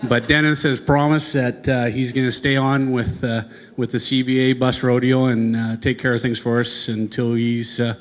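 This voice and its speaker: A man's voice: mid-range voice, little pitch movement. Man addressing a hall, heavy reverb. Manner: casual, folksy, halting with frequent ums and pauses. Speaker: event speaker presenting awards. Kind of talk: informal speech in front of an audience. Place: large banquet hall. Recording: echoey hall over PA, long reverb.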